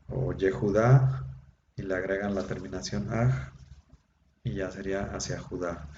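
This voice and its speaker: A man's voice: on the low side, dark tone. A man teaching Biblical Hebrew, explaining patiently with many fillers, heard over a video call. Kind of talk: online class lecture. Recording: dull lo-fi echoey room with faint hum.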